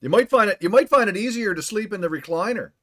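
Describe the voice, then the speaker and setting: Man, game streamer, casual live chat, playful, fairly high voice, very expressive pitch. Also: fast. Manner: playful, chats with viewers, invents silly words. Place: at home.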